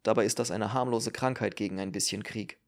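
A man reading a gruff, growling doctor. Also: fairly low pitch, fairly even intonation, fairly quick, natural voice. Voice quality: growling, curt. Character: gruff, exhausted male doctor. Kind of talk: audiobook character reading.

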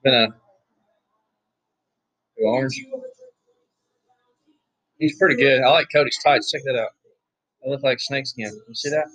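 A hoarse man, giving laid-back, chatty play-by-play commentary on a wrestling match, with offhand asides. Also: medium pitch, measured pace, pauses often, fairly bright tone, no echo, poor audio. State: hoarse, losing his voice. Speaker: wrestling watch-along commentator.

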